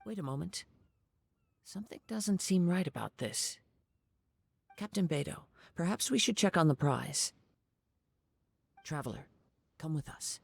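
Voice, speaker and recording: An actor playing a serene young wandering samurai in an anime-style video game, soft-spoken, formal and measured. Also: male voice, on the high side, animated, vocal fry, husky, dry recording, exaggerated voice. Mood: calm, resolute.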